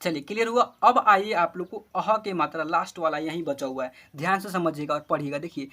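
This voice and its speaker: A man's voice: a little high, brisk, sharp tone. A man teaching an online reading lesson for children, reading word lists aloud one by one, correcting his slips and checking that the class follows. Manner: patient, checks understanding with the class. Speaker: Hindi teacher.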